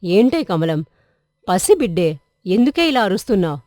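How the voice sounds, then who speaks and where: A woman voicing a middle-aged husband who explains himself quickly. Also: medium pitch, big pitch swings, mellow, no room sound, clean studio sound, lightly acted. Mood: explaining.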